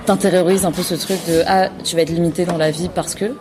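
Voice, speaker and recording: A woman's voice: on the low side, fairly even intonation, fast talker. A woman who was born in France, a podcast guest, talks casually and thoughtfully with many fillers and restarts. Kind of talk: casual conversation.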